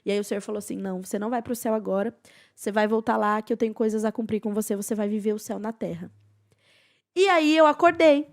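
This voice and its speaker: A young woman, a podcast guest telling a personal testimony in an earnest, emotional way with soft, hushed passages. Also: medium pitch, little pitch movement, very fast.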